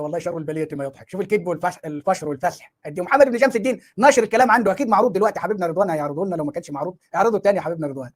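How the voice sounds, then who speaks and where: A man with an Egyptian Arabic accent giving mocking online commentary, full of sarcasm and rhetorical questions. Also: high voice.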